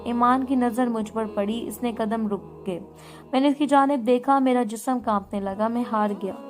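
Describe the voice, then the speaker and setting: A woman narrating a scripted first-person story in a steady, even storytelling manner. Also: fairly high pitch.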